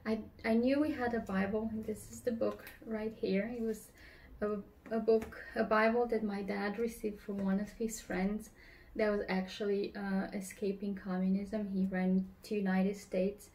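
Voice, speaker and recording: A woman in her thirties from Romania, telling her personal faith story in an earnest, slightly halting way, seated at a table at home. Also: medium pitch, little pitch movement, a little mellow, a little hiss or hum, low-quality recording. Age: 30s. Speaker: church member giving testimony. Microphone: camera across the table.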